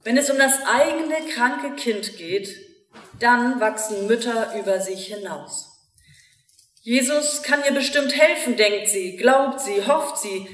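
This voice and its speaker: Female pastor, higher voice, measured sermon delivery, distant mic, echoey church. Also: animated. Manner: slow, measured preaching with rhetorical questions.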